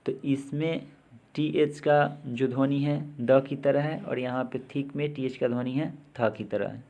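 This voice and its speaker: Male language teacher, unhurried lesson delivery, reads each word and its meaning slowly. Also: medium pitch, darkish tone. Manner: reads words with their Hindi meanings, one by one; slow and deliberate, repeats words. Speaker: English teacher. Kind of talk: spoken pronunciation lesson.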